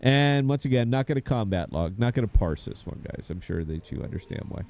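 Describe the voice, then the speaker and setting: A man's voice: mid-range voice, animated, fairly quick, a little mellow. A man, chatting casually to viewers while he plays a game. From United States. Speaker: game streamer. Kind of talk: casual gameplay commentary.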